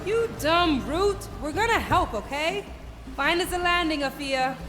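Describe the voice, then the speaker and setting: A woman's voice: high-pitched, normal speed, bright, forceful tone. A woman voicing a brash, scrappy, cheeky plant witch in a video game, blurting her lines informally and expressively. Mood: alarmed, insistent. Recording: music playing behind the voice.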